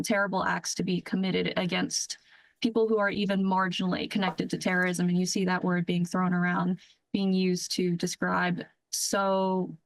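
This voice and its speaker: Young woman, interview guest, earnest, restarts often, mid pitch, dry recording. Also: dry recording, poor audio. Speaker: active duty Air Force lieutenant, interview guest. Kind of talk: news interview answer.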